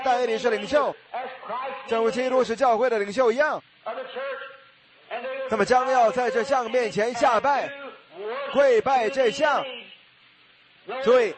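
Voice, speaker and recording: A man preaching a sermon with fervent exclamations and rhetorical questions. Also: extremely high pitch.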